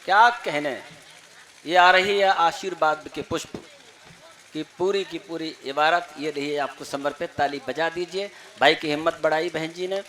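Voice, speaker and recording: A man's voice: fairly high pitch, steady tone, normal speed, pushed and bright. A man acting as compere at a poetry recital, calling out short praise and cheering the poet on. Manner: cheering, praising calls from the stage side. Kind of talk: encouraging interjections at a poetry recital.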